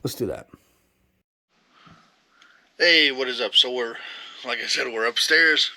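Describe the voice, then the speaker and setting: A man's voice: mid-range voice, unhurried, vocal fry, pushed and bright, no echo. A man hosting a toy review channel, giving a casual how-to demonstration at home, rambling with lots of "uh" fillers and self-corrections. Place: home recording studio. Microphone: camera mic, partly a GoPro.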